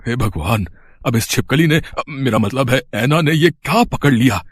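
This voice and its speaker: A man's voice: medium pitch, animated, moderate pace, heavy background noise, natural voice. A man doing a wry, teasing father-in-law. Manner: wry, amused.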